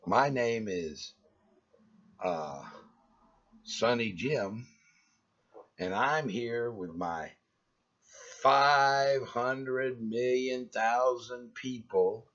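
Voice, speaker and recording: Man doing a cheesy chipper game show host, slow and husky. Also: medium pitch, a bit bright, dull audio, exaggerated voice. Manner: overly chipper, drawn out.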